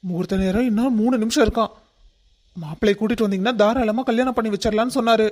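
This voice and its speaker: A protective father in a cartoon family drama, his voice pitched rather high for a man, as a man acts him out. He lays down the law firmly and will not back down. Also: fast, close to an everyday voice. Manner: firm, commanding. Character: middle-aged father, firm and protective.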